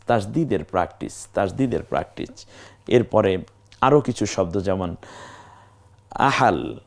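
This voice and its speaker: A man teaching Quran reading in a recorded lesson, speaking to the viewer and slowly drawing out practice syllables one after another. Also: fairly low pitch, vocal fry, darkish tone. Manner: patient, addresses viewers directly, drawn-out practice syllables.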